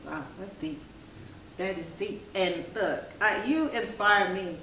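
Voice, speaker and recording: A woman's voice: medium pitch, slow, a little hiss or hum. Lady interviewer, super encouraging, sounds a bit far from the mic, echoey room. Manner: encouraging, frequent affirmations, animated. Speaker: interview host. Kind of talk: casual interview talk. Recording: echoey, a bit distant, faint ambience.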